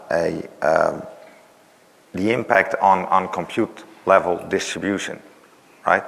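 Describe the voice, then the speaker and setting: A man's voice: deep voice, vocal fry, a bit bright. A man giving a technical conference talk who is losing his voice, explaining with many "uh"s and "right?" tags. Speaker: conference presenter. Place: large conference hall. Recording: reverberant conference hall.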